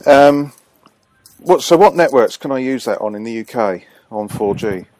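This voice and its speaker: A man's voice: mid-range voice, animated, moderate pace, darkish tone, dry recording. A man phoning a company as a customer, questioning insistently and correcting the person he speaks to. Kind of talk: phone call complaint.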